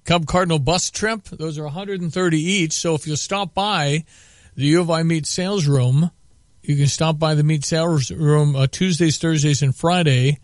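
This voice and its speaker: Male local radio host, live reads, high voice, dry close studio sound. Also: normal speed, no room sound.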